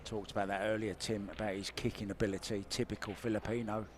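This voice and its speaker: A man's voice: on the low side, level tone, fast, slight background noise. A man doing live play-by-play commentary on a pool match, chatty and informative in an upbeat way.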